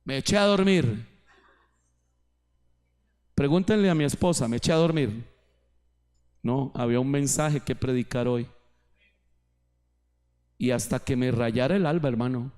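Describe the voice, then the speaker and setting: A man's voice: medium pitch, unhurried, pauses often, a little mellow. A male pastor preaching a sermon in church, rising and dropping his voice for emphasis.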